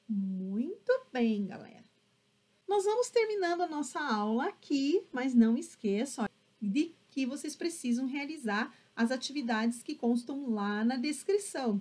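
Upbeat Brazilian woman teacher, husky voice, lively melody, online lesson. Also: high voice. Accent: Brazilian Portuguese. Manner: upbeat, checks in with students often.

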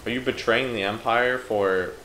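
A man's voice: medium pitch, steady tone, normal speed. A man co-hosting a let's play, wry and teasing in casual gaming commentary. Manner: wry, teasing, laughs often. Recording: echoey room with background noise.

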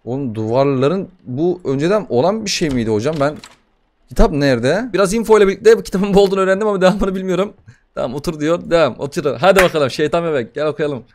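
A young man narrates a horror game playthrough in loose, profane banter, reacting loudly to every scare. His voice sits a touch high for a man and swings widely in pitch, jumping from mutters to yells. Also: fast talker. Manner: excitable, swearing, banter with the game. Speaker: gaming YouTuber. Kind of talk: gaming commentary.

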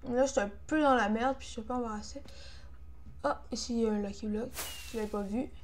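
Young quebec french girl gamer, kinda high voice, casual commentary, frustrated n grumbling w swears. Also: fast, slight background noise. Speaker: gamer, video creator.

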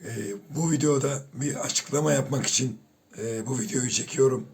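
A man with a hoarse voice from a sore throat, straining with effort to get his words out as he addresses his viewers in an apologetic announcement. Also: mid-range voice, moderate pace. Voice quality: husky, strained. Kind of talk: apologetic video announcement to camera.

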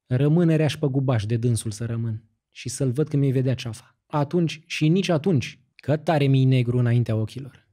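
A humble young hero answers with earnest respect, as a male reader voices him. His tone is mellow and a little husky, in an audiobook fairy tale. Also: medium pitch, natural voice. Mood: weary.

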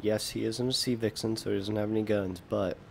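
A young American gaming video creator gives casual gameplay commentary in a fairly low, creaky voice, talking fast. He's relaxed and self-deprecating, joking about himself and trailing off mid-sentence, with a faint low rumble under his voice.

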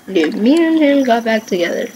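A woman's voice: fairly high pitch, sing-song, moderate pace, background noise. A woman hosting a gaming channel, giving casual let's-play commentary and reading chat lines aloud in playful voices. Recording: music playing behind the voice.

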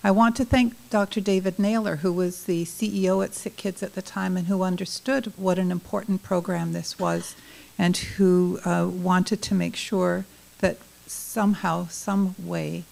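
An older woman giving a formal thank-you speech in a measured, deliberate way, speaking into a handheld microphone in an auditorium. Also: lowish voice, fairly even intonation, gravelly, darkish tone, rough recording. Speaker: scientific director, event speaker. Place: auditorium at a podium.

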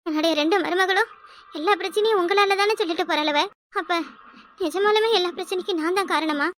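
A fretful, complaining cartoon village wife, voiced by a woman. Her voice is extremely high and fast, with a southern Tamil Kanyakumari accent. She laments and grumbles as she talks. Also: a bit bright. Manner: complaining, lamenting, exclaims to herself. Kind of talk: cartoon voice acting.

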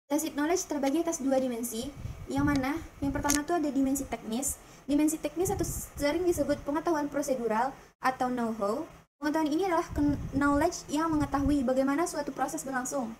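A young woman, a student, reads her slide presentation aloud at an even, careful pace, working through lists. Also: sits high, brisk, a little hiss or hum, low-quality recording. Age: young adult.

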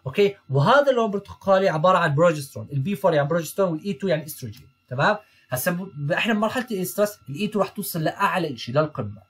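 Man, young adult, slightly husky, very fast lecture, repeats terms, mixes in English jargon. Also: high voice, expressive, fairly bright tone. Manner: rapid, repeats key terms, checks in with "okay?" and "تمام؟". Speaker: veterinary student tutor. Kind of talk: recorded lecture over slides.

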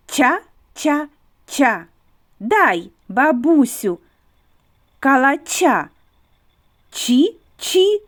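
A woman kindergarten teacher chanting tongue-twister rhymes slowly and clearly in a children's speech lesson. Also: a little high. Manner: slow, sing-song, clearly articulated.

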